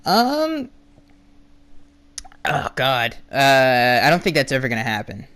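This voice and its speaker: A young man hosting a casual solo podcast, answering fan questions bluntly with lots of restarts, his voice going hoarse. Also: mid-range voice, wildly swooping pitch, slow, fairly bright tone. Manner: rambling, restarts and fillers, blunt opinions. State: losing his voice.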